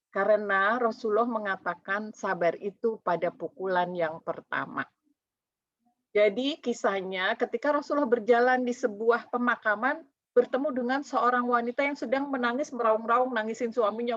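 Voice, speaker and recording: A woman leading an online Islamic study group, reading out replies and acting out quoted voices in a lively way. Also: a little high, no echo, muffled recording. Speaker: religious study teacher.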